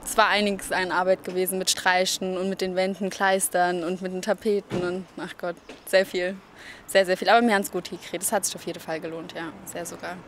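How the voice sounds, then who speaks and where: Fast-talking eighteen-year-old woman. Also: lowish voice, level tone, slight background noise. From Germany. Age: teens. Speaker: volunteer. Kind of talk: casual interview answers. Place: outdoors by a building. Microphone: handheld mic held by interviewer.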